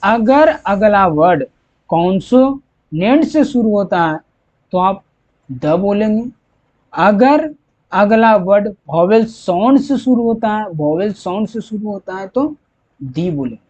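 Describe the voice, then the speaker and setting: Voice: medium pitch, lively intonation, takes it slowly, a little mellow. An English teacher explaining grammar step by step, repeating each point and answering their own questions. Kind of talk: slow classroom explanation. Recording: dull lo-fi recording.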